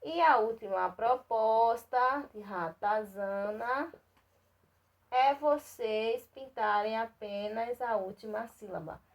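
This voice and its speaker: A woman with a Brazilian Portuguese accent leads a recorded lesson for small children. Her voice sits a little high, and she drags out syllables one by one. She keeps asking whether they follow. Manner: patient, repeats and checks in with "tá certo?"; spells out syllables slowly and clearly. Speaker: primary school teacher.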